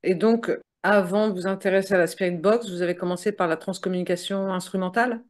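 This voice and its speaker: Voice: mid-range voice, fairly even intonation, fast talker. An interviewer who keeps to short prompts and follow-up questions.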